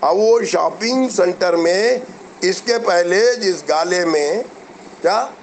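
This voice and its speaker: A man's voice: high voice, a little hiss or hum, rough recording. A middle-aged man, delivering a combative, mocking commentary rant to investors. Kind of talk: heated video commentary.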